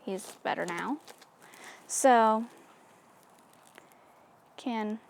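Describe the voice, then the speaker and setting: A woman casually talking through a hands-on craft demonstration, chatty and easygoing, with lots of little fillers. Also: a little high. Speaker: craft tutorial host.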